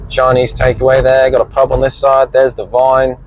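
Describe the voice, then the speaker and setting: A man's voice: medium pitch, monotone, moderate pace, noisy background. A middle-aged man gives a rambling, chatty commentary while driving, with mild swearing. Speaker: vlogger. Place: inside a moving car.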